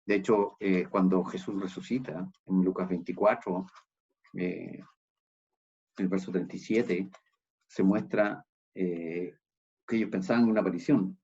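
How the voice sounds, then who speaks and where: A low, husky male voice with a Chilean accent delivers a sermon from a church. He explains the passage in an explanatory tone and keeps checking in with the congregation. The recording sounds dull and lo-fi. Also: a little slow, dark tone. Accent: Chilean Spanish. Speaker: pastor.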